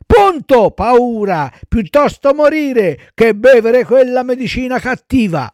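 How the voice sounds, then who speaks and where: A man voicing a stubborn, whiny wooden puppet boy in a shrill, pleading high voice. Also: animated, slow pace, a little mellow, no echo, studio quality, heavily acted. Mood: shrieking refusal.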